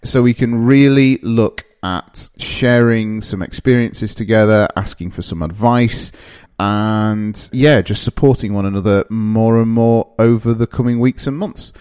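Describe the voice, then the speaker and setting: The podcast's host, a northern English man in his thirties from northeast England, talks through his introduction loosely, stumbling into fillers and restarts often. His voice sits on the low side with a darkish tone.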